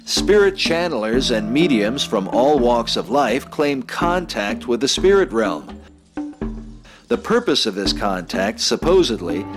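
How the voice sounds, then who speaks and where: Grave male documentary narrator over music. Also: mid-range voice. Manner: grave, disapproving. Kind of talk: scripted narration.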